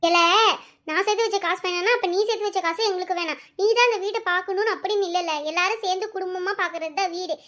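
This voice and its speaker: Woman doing a tearful, devoted cartoon mother, very high and quick. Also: fairly bright tone. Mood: caring. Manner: affectionate, tearful, talks in long runs. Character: caring village mother, emotional, devoted to family. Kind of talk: cartoon family drama voice acting.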